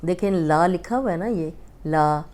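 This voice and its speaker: A woman with a Pakistani Urdu accent leads a slow, patient lesson and stretches out every letter sound. Her voice sits low and warm, soft and mellow, with a smooth, clear tone. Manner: patient, drawn-out letter recitation and explanation. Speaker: Quran reading teacher.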